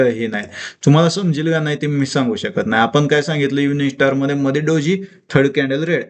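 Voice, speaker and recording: A man teaching a live trading session, asking quick questions and answering them himself. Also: fairly high pitch.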